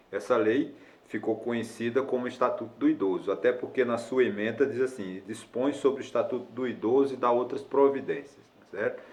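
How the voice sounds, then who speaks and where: With a medium-pitched voice in a reverberant space, a man in his sixties explains elderly law as a lawyer in an informal video lesson. He wanders as he talks, full of fillers and frequent self-corrections.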